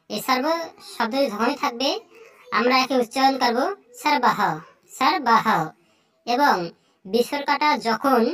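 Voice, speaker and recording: A young speaker teaching Sanskrit pronunciation, speaking slowly and saying each example word several times. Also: high voice, a bit bright.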